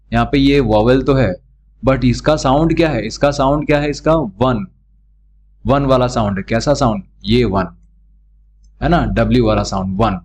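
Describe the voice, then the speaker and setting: Man, grammar teacher, slow drilling delivery, mid-pitched voice, self-answered questions. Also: darkish tone, a little hiss or hum. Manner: slow, repeats and drills words and sounds, asks questions and answers them himself. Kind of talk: classroom lesson explaining grammar.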